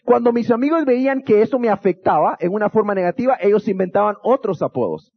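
Male youth pastor, high voice, jokey storyteller, muffled lo-fi sound. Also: lively intonation, quick pace, slightly rough. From Guatemala. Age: adult, married. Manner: storytelling, acting out quotes with humor. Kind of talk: motivational talk to an audience.

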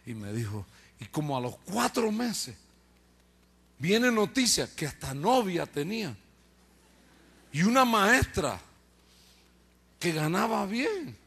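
A man's voice: sits high, very animated, takes it slowly, creaky, pauses often, fairly bright tone, breathy edge. A man preacher telling his testimony with humor, acting out other people's voices and laughing at himself. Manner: acts out quoted voices, jokes and laughs at himself.

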